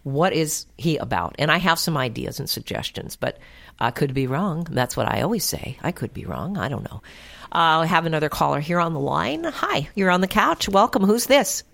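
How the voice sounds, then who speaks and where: A low-pitched woman hosts a call-in advice show on the radio. She talks in a chatty, reassuring way with plenty of fillers. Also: lively intonation, normal speed, gravelly, fairly bright tone.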